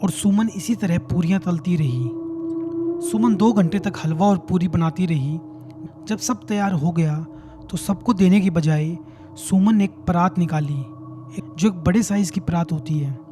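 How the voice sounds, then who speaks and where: A man's voice: sits high, measured pace, dark tone, slight background noise. A man narrating a horror story in a dramatic, suspenseful way.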